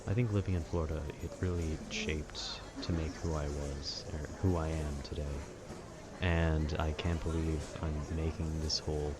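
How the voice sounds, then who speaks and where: A man with a very deep voice rambles casually about video games at normal speed, his flat delivery meandering and full of informal slang, like an amateur host speaking off the cuff. The recording is very noisy, with outdoor city ambience.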